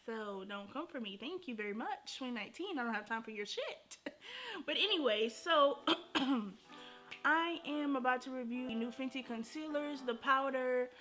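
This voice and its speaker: A young woman with a fairly high voice talks through a makeup review like she is chatting with friends. Her speech carries a slight lisp from a retainer she is wearing. She is playful, slangy and a little sassy, with music clearly playing behind her. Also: lively intonation, normal speed, a bit bright. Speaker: beauty vlogger. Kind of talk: casual chatty first-impression makeup review. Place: indoors at home.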